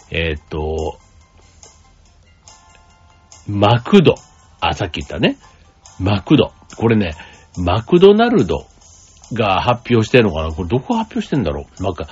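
Chatty man rambling with lively pitch. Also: husky. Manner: rambling, chatty, many fillers and asides. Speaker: podcast host. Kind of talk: casual solo chat. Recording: slightly dull lo-fi audio with faint music.

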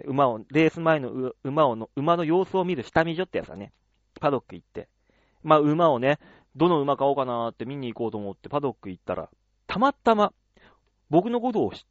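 A man's voice: fairly high pitch, dry recording, highs cut off. A man hosting a radio show, chatting and telling stories in a self-mocking way. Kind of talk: casual chat monologue.

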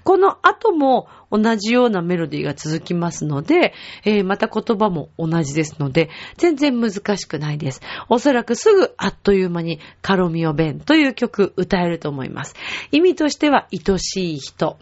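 Lively-voiced woman teaching singing. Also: mid-range voice, moderate pace. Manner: patient, demonstrating sounds and singing examples. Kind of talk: vocal lesson. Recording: dull lo-fi web show audio.

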